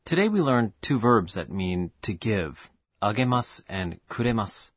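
A man's voice: fairly low pitch, very animated, normal speed, husky, no room sound, studio quality. A man acting as learner co-host in a scripted language lesson, asking and confirming questions.

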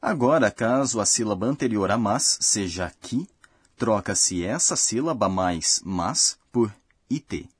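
A man narrates a language lesson with a calm, patient, explanatory delivery. His voice sits low with a slightly husky edge. It is recorded close and dry, like a studio voice-over. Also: slow pace, no room sound. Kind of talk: scripted educational narration.

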